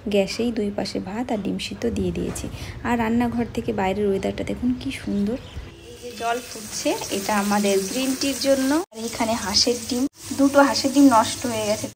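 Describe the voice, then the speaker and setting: A woman's voice: mid-range voice, creaky, darkish tone. Lady chatting to her viewers while she cooks, middle aged, kitchen noise behind her. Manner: chatty, talks to viewers directly. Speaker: vlogger. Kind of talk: casual home vlog narration. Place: home kitchen.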